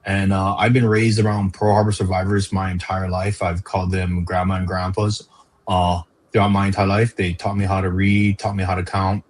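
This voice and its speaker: A man's voice: low-pitched, little pitch movement, moderate pace, low-quality recording. A man from Hawaii, a park educator, talking earnestly as an interview guest with frequent fillers. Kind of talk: casual interview chat.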